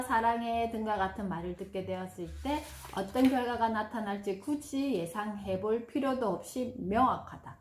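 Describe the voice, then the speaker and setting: A woman in her fifties giving a parenting lesson, partly reading from a book and acting out gushing praise for children. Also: medium pitch. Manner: warm, demonstrative, acts out gushing praise in bursts. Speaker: parenting educator. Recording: roomy echo.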